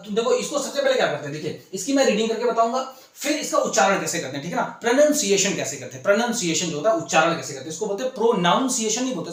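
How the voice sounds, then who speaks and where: A man who speaks Hindi and English with an Indian accent, teaching an online English lesson and coaxing his students, who speak Hindi, with constant check-ins. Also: high-pitched. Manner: coaxing, keeps adding "ठीक है ना?". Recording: very echoey room.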